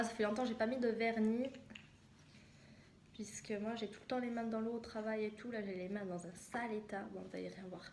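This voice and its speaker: A young woman from southwest France chatting casually in a haul video, hesitant and full of fillers. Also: mid-range voice. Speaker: vlogger. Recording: echoey room with noise.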